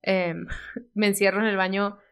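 Young woman, podcast cohost, slangy and animated, acts out the voices in her stories. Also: mid-range voice, a little slow, clean tone. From Mexico (Mexicali). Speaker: podcast co-host. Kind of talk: casual chat, storytelling.

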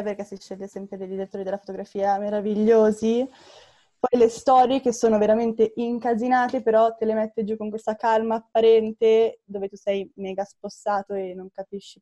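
A young woman chatting casually about her favourite directors, chatty and self-deprecating with quick asides. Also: on the high side, level tone, mellow, dull audio. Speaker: podcast co-host. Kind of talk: casual film chat.

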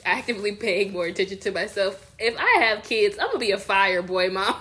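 A woman's voice: medium pitch, animated, fairly quick, bright, forceful tone. A young woman co-hosting a podcast, chatting playfully with slangy banter. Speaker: podcast co-host. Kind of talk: casual chat.

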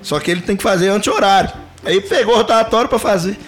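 A man's voice: high-pitched, quick pace, faint music behind. A man with a Belo Horizonte accent, a podcast guest telling a story with lots of laughing and acted-out dialogue. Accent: Belo Horizonte, Minas Gerais. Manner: animated, laughing storyteller who acts out dialogue. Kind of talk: casual podcast chat.

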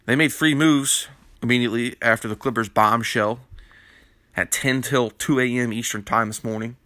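A man's voice: medium pitch, steady tone, moderate pace, pushed and bright, no room sound. A man hosting a basketball news panel in casual commentary, with a congested morning voice from a sinus infection, rambling with many fillers. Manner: rambling, filler-heavy, opinionated.

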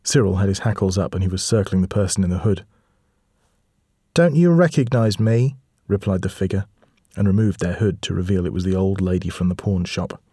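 A man narrating a children's storybook aloud, reading steadily and lively. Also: low-pitched, fast, hardly any pauses, breathy edge, dry recording, studio quality.

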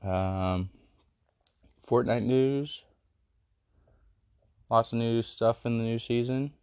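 A young man with a bit of a cold-induced congestion hosts his podcast late at night, rambling casually with plenty of fillers in a house with dogs. His voice is medium-pitched, slow, slightly mellow and smooth, with no room sound.

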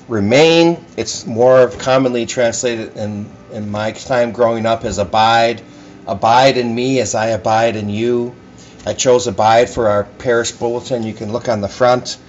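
A man's voice: medium pitch, highs cut off, a little hiss or hum. A man speaking as a priest at Mass, addressing a congregation in scripture reading and sermon.

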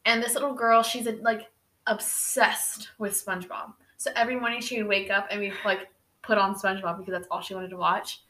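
A woman's voice: medium pitch, flat delivery, fairly quick, sharp tone. A young adult woman hosting a podcast, telling a story in a casual, chatty way with lots of fillers. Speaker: podcast host. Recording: roomy echo.

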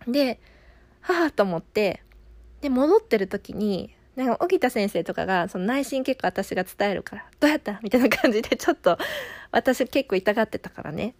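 Animated Kansai woman recounting a birth. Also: a little high, normal speed, no echo. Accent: Kansai Japanese. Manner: animated, acts out her own inner thoughts. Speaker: midwife sharing her birth story. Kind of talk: casual podcast storytelling.

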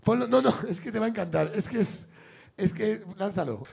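A man hosting a podcast in casual chat, animated and jokey, with a gravelly, husky voice. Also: high voice, fairly quick. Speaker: podcast host.

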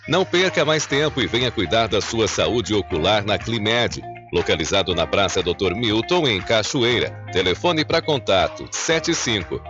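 A Brazilian man reading a scripted advertisement as an announcer. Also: lowish voice. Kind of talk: scripted ad read. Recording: dull lo-fi spot, music bed. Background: music.

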